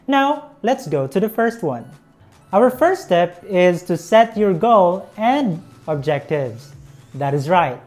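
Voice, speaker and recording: A young Filipina woman, a native Visayan speaker with a Filipino accent, teaches an English lesson on a lapel mic with faint music behind her. Her voice is fairly low-pitched and very animated with a darkish tone, and her delivery is slow, careful and encouraging.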